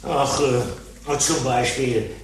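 A man's voice: medium pitch, fairly even intonation, extremely slow, creaky, a little hiss or hum. An actor playing a nervous, stammering man from modern times who is stranded in the Middle Ages, in an old radio play. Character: flustered modern judicial councillor Müller, stranded in 1500. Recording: roomy, distant old radio recording.

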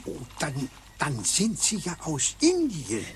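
An actor playing a polite, formal professor at a medieval university, in an old radio play. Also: male voice, on the high side, huge pitch swings, slow, a little hiss or hum, exaggerated voice. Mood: courteous. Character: courteous male medieval professor.

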